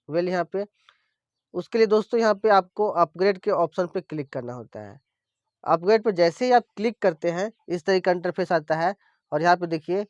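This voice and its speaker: A man with a high, smooth, clear voice talks through an app on screen, one step at a time, repeating himself as he points to each part. The sound is dry and somewhat dull, like a basic lo-fi voice-over. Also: no echo. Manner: explains step by step, repeats "here" constantly. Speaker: crypto tutorial presenter. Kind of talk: screen-recorded app walkthrough.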